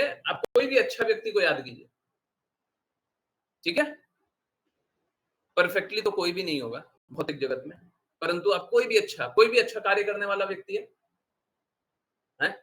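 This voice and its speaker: Male spiritual teacher, high bright voice, earnest lecturing tone with frequent rhetorical questions. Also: low-quality recording. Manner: mixes English words into his speech. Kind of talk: devotional discourse.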